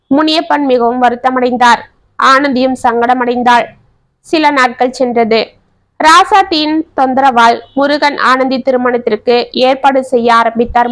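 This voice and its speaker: A woman storyteller narrating a family drama in a steady, dramatic reading. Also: high voice.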